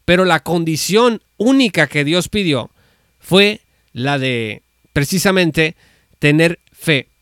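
A high-pitched man teaching the Bible in a relaxed, conversational preaching style, pausing on fillers and restarting his words. His voice is clear and smooth, recorded close and dry with no room echo. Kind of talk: informal teaching talk on an audio space.

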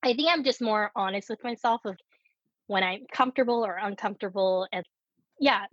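Husky and a little fast, this medium-pitched woman's voice comes through with no room sound and the highs cut off. She's in her thirties, a US-based startup co-founder and native Korean speaker, chatting candidly in a casual interview and laughing a lot as she recounts her stories.

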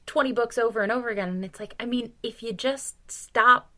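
A woman with a voice on the high side and a sharp tone talks fairly quickly as co-host of a casual book discussion podcast. Her delivery is informal and emphatic, full of "like" and mild swearing.

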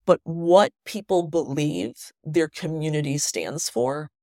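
A woman hosting a solo news commentary show, speaking in an earnest, emphatic way and stressing points by repeating words, on low-quality audio made without her usual microphone in a family home. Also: takes it slowly, warm tone, no echo, studio quality. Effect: low-quality audio recorded without her usual microphone. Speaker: podcast host and newsletter writer.

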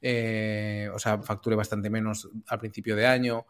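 A man from co-hosting a podcast, talking in a casual, reflective way with hesitant pauses and fillers. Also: fairly low pitch, level tone, clear, resonant tone. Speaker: podcast co-host. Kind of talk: casual chat.

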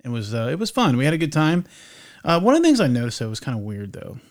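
A male podcast host with a voice sitting right in the middle of the typical male range. He talks in an easygoing, rambling way, circling back on his thoughts and restarting sentences as he goes. It is relaxed, conversational chat about everyday life. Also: mid-range voice, quick pace. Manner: rambling and chatty, with frequent restarts.

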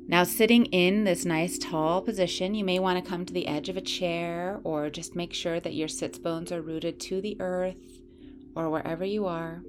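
A woman yoga instructor gently guiding breathing and movement in a calm, soothing voice. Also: mid-range voice. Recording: clear music playing behind the voice. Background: soft instrumental music.

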